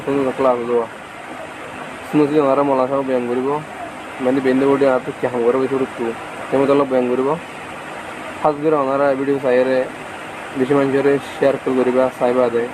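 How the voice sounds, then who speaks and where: Casting: male channel host, Rohingya accent, narrow even intonation, informal viewer greeting, noisy recording with ambient hum. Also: medium pitch. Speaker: channel host introducing a religious video. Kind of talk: informal spoken introduction to viewers.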